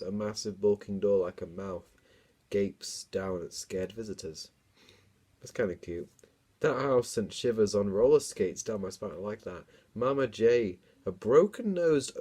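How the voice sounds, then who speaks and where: A young man with a lowish, warm voice gives a dramatic reading of a story, slipping into casual, self-mocking asides. He's a comedian reading a book he wrote as a child.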